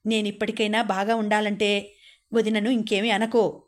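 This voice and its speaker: A woman's voice: mid-range voice, flat delivery, normal speed, close to an everyday voice. A woman reading the part of a young, studious woman who speaks up firmly for her sister-in-law. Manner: firm, forthright.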